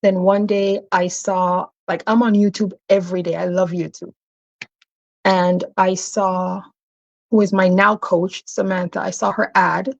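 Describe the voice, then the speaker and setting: Middle-aged woman, from Barbados, gravelly, steady matter-of-fact telling, muffled lo-fi sound. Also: mid-range voice, unhurried. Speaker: guest business owner. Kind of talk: interview storytelling.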